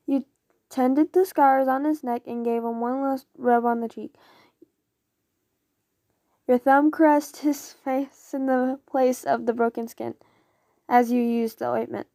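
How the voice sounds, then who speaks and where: A woman's voice: a little high, mellow, no echo, studio quality. A woman casually reading fan fiction aloud, often stumbling over words and apologizing. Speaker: audio story reader.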